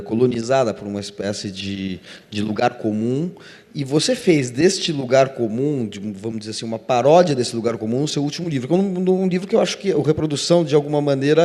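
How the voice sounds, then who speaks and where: Male moderator, mellow tone, meandering questions, echoey hall. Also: medium pitch. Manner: hesitant, winding questions full of fillers. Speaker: panel moderator. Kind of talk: moderating a literary panel. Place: auditorium at a literary event. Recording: long hall reverb.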